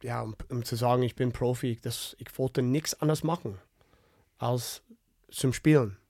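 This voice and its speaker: Canadian man in his fifties, halting German. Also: medium pitch, darkish tone, dry recording, studio quality. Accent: Canadian English. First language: English. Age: 50s. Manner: halting, many fillers and restarts. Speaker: podcast guest. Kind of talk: casual interview chat.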